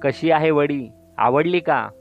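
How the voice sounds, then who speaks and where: A man's voice: on the high side, slow. A man voicing a teasing, cheeky young college girl in a storybook reading, her voice raised and playful, on a dull lo-fi recording with faint music. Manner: playful, mocking, drops into filmy Hindi lines.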